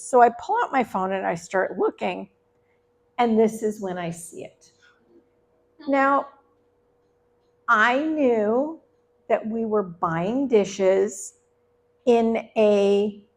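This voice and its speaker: A woman's voice: medium pitch, animated, takes it slowly, pauses often. A middle-aged woman telling a personal story to a live audience, chatty and conversational with laughing asides. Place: live event venue.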